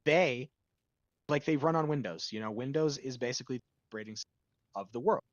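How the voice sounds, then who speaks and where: A young adult man chatting casually on a stream, rambling and swearing, breaking into loud rants. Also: mid-range voice, fast talker, dry recording, lo-fi sound. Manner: rambling, profane, bursts of loud ranting. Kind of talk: casual chat.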